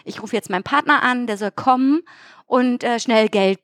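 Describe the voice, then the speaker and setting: A young woman from Germany vents about her day in an animated, swear-laden rant and acts out the voices of the people involved. Her voice sits high, and the recording is close and dry. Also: normal speed, no echo. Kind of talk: casual chat, ranting story.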